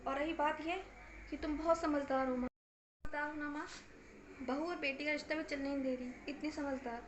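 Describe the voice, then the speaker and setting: A woman's voice: high-pitched, fairly even intonation, normal speed, roomy sound, lo-fi sound, a little hiss or hum, close to an everyday voice. A woman playing an angry married daughter who scolds her mother with emphatic repetition in an acted family story. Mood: scolding. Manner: reproachful, emphatic, repeating herself.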